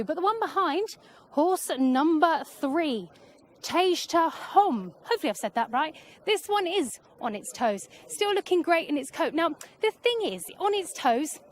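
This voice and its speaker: A woman reporting live from a racecourse parade ring, chatting through her views on the horses as they walk past, a little out of breath. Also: sits high. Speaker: paddock reporter.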